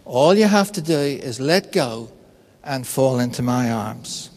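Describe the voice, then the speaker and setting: A man voicing God in a joke, speaking slowly and gently with a lowered voice. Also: lively intonation, husky, in a large hall. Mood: gentle. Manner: slow, gentle, reassuring. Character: calm deep voice of God speaking.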